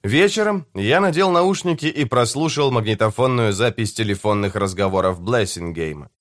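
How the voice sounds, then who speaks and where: A man giving a measured, deliberate first-person reading of a novel as an audiobook narrator. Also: fairly low pitch, expressive, no echo, studio quality.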